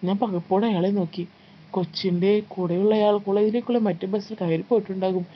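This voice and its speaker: A woman narrating a first-person life story in a calm, steady storytelling read. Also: medium pitch, fast talker. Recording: slightly muffled with faint background noise.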